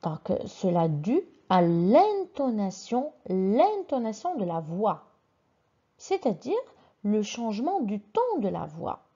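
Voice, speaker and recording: A woman teaching a simple grammar lesson, patiently reading each example sentence twice with clearly marked question intonation. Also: mid-range voice, sing-song, takes it slowly, warm tone, highs cut off. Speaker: French teacher.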